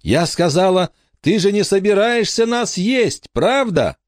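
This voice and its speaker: A man's voice: sing-song, moderate pace, a little mellow, dry recording, studio quality. A man doing a stubborn little girl. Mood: urgent. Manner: high, insistent and urgent. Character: young girl, youngest sister, stubborn and pleading.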